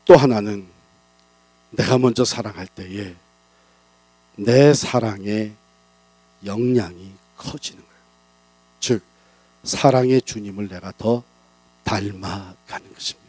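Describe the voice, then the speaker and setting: A man preaching at a church revival, rising and falling sharply in pitch and loudness as he presses his points. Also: takes it slowly, pauses often, husky, dry recording, poor audio. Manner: dramatic, big swings in pitch and loudness. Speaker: pastor. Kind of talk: revival sermon.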